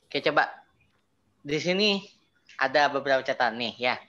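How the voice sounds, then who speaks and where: A man's voice: medium pitch, moderate pace, dull audio. A man teaching Arabic in an online class, explaining patiently and stressing each Arabic word. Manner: explains patiently, repeats terms, lively emphasis on Arabic words.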